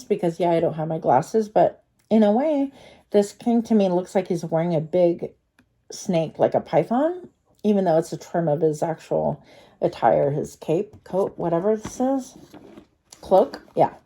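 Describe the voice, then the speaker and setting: Congested from a cold, this woman reads tarot cards for her viewers in a relaxed, chatty way, often using fillers and starting over. Her fairly low voice is mellow and expressive, and she takes her time.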